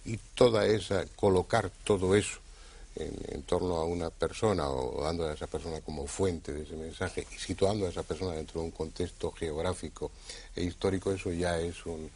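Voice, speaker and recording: A man from Spain hosting a studio discussion, talking in a measured, thoughtful way with frequent hesitations. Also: low voice, steady tone, a little mellow. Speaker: TV talk show host.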